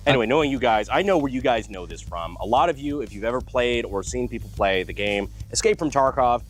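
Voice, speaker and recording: A man's voice: mid-range voice, expressive, fast, faint music behind. A man hosting a gun video in a casual, joking way, wisecracking and swearing freely. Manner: foul-mouthed, wisecracking. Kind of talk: casual, joking presentation to camera.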